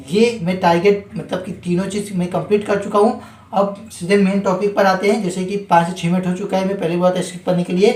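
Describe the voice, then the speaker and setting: A man's voice: high voice, a little mellow, echoey room, low-quality recording. A man teaching pharmacy in a casual spoken lesson, often stumbling over words and correcting himself. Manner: halting, frequent self-corrections and filler checks.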